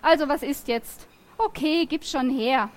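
A defiant teenage girl from a storybook, sharp-tongued and indignant, as a woman reads her lines aloud. Her voice sits slightly high and snaps back at every demand. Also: measured pace.

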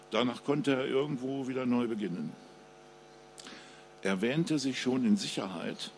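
Male author at a live reading, gravelly voice, mid pitch, steady narration. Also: slight background noise. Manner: chatty asides to the audience before reading. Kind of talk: reading his crime novel aloud at a live reading. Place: public book reading with audience.

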